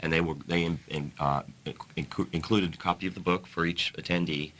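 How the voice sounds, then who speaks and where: A man with a notably low voice and a bright, forceful edge. He talks as an interview guest in an earnest, halting way, often restarting his sentences. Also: steady tone. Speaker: guest author. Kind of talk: interview talk.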